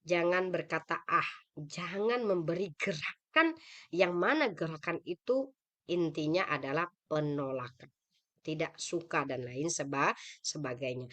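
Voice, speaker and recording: A woman's voice: deep voice, unhurried, a bit bright. A middle-aged woman with an Indonesian accent gives a Quran study lecture over a video call. She explains each point and asks the listeners questions, then answers them herself. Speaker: religious teacher. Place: online meeting.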